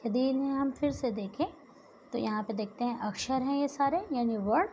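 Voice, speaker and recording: A woman's voice: sits high, moderate pace, darkish tone, highs cut off, slight background noise. A woman teacher giving a grammar lesson, asking questions and answering them herself and drawing out the example sounds.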